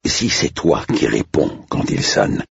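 A man voicing a calm, formal middle-aged butler in an audiobook, speaking slowly and with measure. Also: extremely low pitch, gravelly, husky, no echo, muffled recording, heavily acted. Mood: composed.

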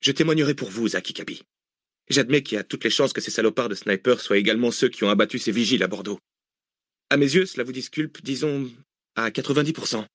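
A man's voice: mid-range voice, quick pace, fairly bright tone, no room sound, clean studio sound, close to an everyday voice. A man reading an audiobook, voicing an angry, sarcastic female researcher on the run. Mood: sharp. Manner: biting, sarcastic, exclamatory. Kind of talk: audiobook character voice.

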